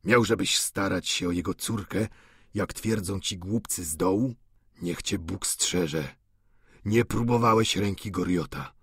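Goriot, a man reading a husky, doting old father. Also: a bit bright, no echo, clean studio sound, heavily acted. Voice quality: husky, slow and low. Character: aging doting father, emotional and pleading. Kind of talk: audiobook character reading.

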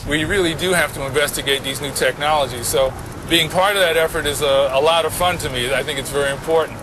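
A man's voice: fairly high pitch, quick pace, background noise. A man, a test driver, talking earnestly in a casual interview.

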